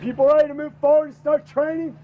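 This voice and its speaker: A man shouting at recruits like a drill sergeant, as a military instructor. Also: extremely high pitch, steady tone, fast talker. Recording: muffled, noisy, crowd shouting around.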